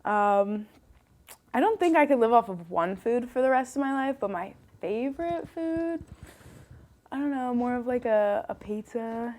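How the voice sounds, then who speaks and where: A woman's voice: fairly high pitch, animated, a little slow, a little mellow. Young woman co-host, casual, giggly, rambling storyteller. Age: young adult. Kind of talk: casual chat.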